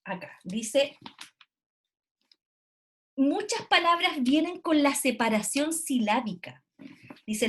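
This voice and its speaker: High-voiced woman teaching online. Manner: explanatory, frequent "¿cierto?" check-ins. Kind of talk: online class explanation. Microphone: video call.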